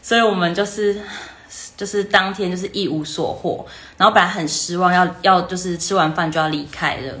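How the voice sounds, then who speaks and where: A young woman with a Taiwanese Mandarin accent, hosting a livestream and telling a story in a lively, casual way, acting out the other people's voices. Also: brisk. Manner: lively, acts out quoted voices with jumps in pitch. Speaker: livestream host.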